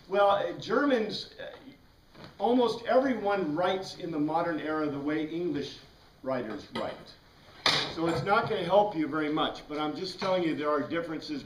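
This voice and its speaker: This is a class teacher, a middle-aged American man whose voice sits on the high side, chatting loosely through a lecture and throwing questions at the class. He's in a small classroom furnished with a whiteboard and bookshelves. The mic is a camera across the room, leaving the sound echoey and distant, with background noise.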